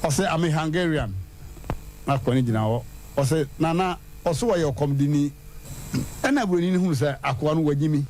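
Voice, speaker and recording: Animated male radio host. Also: slight background noise. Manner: lively, jumps high in pitch for punchlines, drawn-out words. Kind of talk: animated radio storytelling and proverbs. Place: radio studio.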